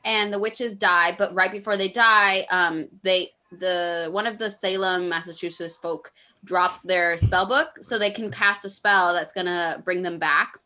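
A woman's voice: lowish voice, steady tone, measured pace, pushed and bright. A woman co-hosting a podcast in casual chat, blunt and profane as she retells film scenes. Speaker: podcast co-host.

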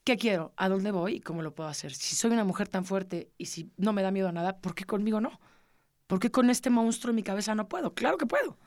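A woman's voice: medium pitch, fast talker, dry recording, studio quality. A middle-aged woman, telling a personal story earnestly and acting out what others said. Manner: earnest, animated, acts out quoted dialogue. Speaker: podcast co-host, interviewee.

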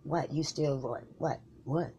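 Low-voiced woman in a heated comic squabble. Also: unhurried, creaky, warm tone, slight background noise. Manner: heated, profane back-and-forth bickering.

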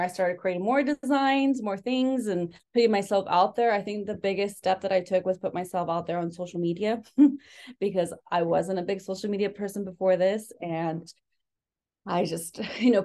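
A young woman from Mexico, raised in California, telling her story as a podcast guest in a relaxed way, full of fillers. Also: medium pitch. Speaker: guest, designer and business founder. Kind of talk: casual podcast interview.

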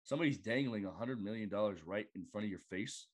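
A man appearing as a guest on a casual sports podcast, talking in halting bursts and often restarting his sentences. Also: lowish voice. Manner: halting, lots of fillers and restarts.

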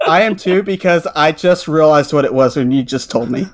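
A man co-hosting a casual podcast, playful and quick to laugh. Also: fairly high pitch. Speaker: podcast co-host.

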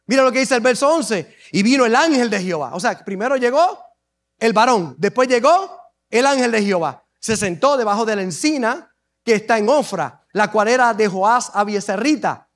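A Puerto Rican man preaching a sermon as pastor, dramatically acting out scripture scenes with drawn-out emphasis. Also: high-pitched, animated, fairly bright tone. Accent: Puerto Rican Spanish. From Puerto Rico.

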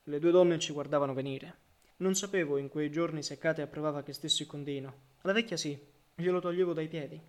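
A man narrating a literary audiobook in a measured, reflective way. His voice sits a little high for a man, and phrase endings drop softly and quietly. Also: steady tone. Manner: measured, reflective reading with soft trailing endings.

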